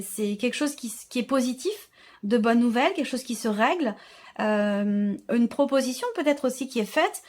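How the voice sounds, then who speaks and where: Interpreting the cards one at a time, a tarot reader who hosts her own channel talks to viewers in a relaxed, informal way. Her fairly high voice carries her thinking aloud, and she rephrases frequently.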